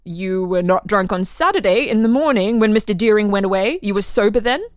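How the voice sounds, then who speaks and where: In a dramatic reading of a transcript, a woman plays a probing, insistent official interrogator questioning a murder suspect, putting formal, leading questions to him. Her medium-pitched voice is brisk and natural, captured in clean studio sound without echo.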